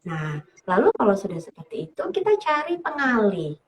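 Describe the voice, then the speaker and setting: A woman psychologist giving parenting advice on a talk show, speaking in a lively way, laughing often and acting out parents and children. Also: medium pitch, a little fast, heavy background noise. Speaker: psychologist guest. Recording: roomy echo.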